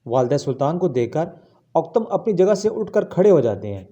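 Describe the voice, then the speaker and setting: A man's voice: on the high side, big pitch swings, mellow, dull audio. A man narrating a scripted recap of a drama episode, reading the story straight through.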